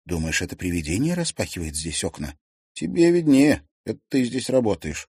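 A man voicing a curious, teasing young man who speaks quietly and wryly. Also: fairly low pitch, sing-song, a little fast, breathy edge, no echo, clean studio sound, pitched above the performer's own voice, full character voice.

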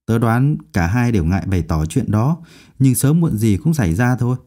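A man's voice: medium pitch, expressive, moderate pace, mellow, natural voice. A man voicing a chatty female student in a storybook, talking in a confiding, knowing way.

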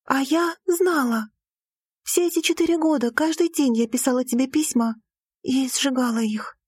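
A woman reading an audiobook, voicing a naive, devoted young bride in a higher, earnest, emotional tone. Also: normal speed, darkish tone, dry recording, clean studio sound, close to an everyday voice.

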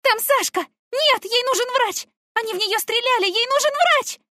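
A woman's voice: extremely high pitch, moderate pace, bright, forceful tone, dry recording, clean studio sound, pitched above the performer's own voice. A woman voicing a panicked young woman who screams and pleads through tears. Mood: hysterical.

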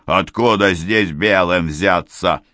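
A man voicing a cruel, menacing male bandit chieftain who growls threats slowly. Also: sits low, sharp tone, no room sound, clean studio sound, exaggerated voice. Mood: seething. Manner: growling, threatening, slow and drawn out. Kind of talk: audiobook character voice.

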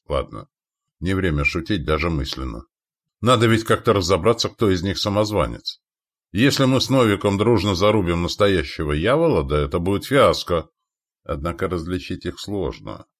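A man narrating a first-person audiobook in a measured, wry manner. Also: sits low, animated.

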